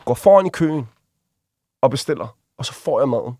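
A man speaks as a guest in a casual interview, recounting events with halting restarts and fillers. He slips into acted voices when quoting others, which keeps the telling lively. His voice sits at a middle pitch in a dry, close recording. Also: dry recording. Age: adult. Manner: vivid, acts out quoted voices while retelling.

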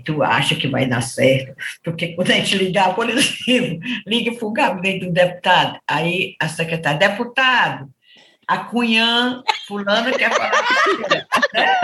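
A woman's voice: lowish voice, echoey room. A woman from Ceará with a Northeast Brazilian accent, a political journalist chatting as a podcast guest and telling stories, acting out the voices of people she quotes. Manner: animated storyteller, acts out quoted voices. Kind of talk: casual chat.

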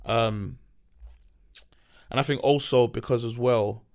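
A man's voice: medium pitch, steady tone, slow pace. A man with a London accent talking candidly and casually on a podcast, full of slang and repeated emphasis. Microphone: podcast microphone.

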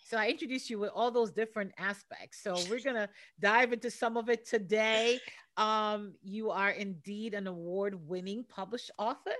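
A woman's voice: medium pitch, moderate pace, fairly bright tone, no room sound. A woman hosting a faith-based podcast, upbeat and welcoming, laughing often with her guest. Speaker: podcast host.

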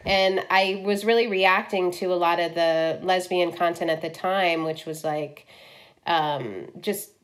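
A woman's voice: fairly low pitch, fairly even intonation, unhurried. A woman in her fifties from Ohio, a film director, talking frankly in an interview, with many fillers. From Ohio, US Midwest. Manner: frank, lots of likes and ums. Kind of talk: candid conversational interview.

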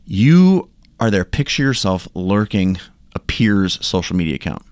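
Low-voiced man talking right in your ear. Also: big pitch swings, a little slow, a little mellow, clean tone, no room sound, studio quality. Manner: direct, intimate address to the listener, right in the ear. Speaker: solo podcast host. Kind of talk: conversational motivational podcast monologue.

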